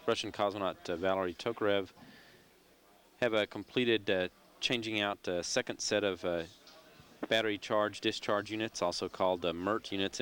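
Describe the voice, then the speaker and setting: A man giving live space mission commentary from mission control in a measured, halting, informative way. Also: lowish voice, fairly bright tone.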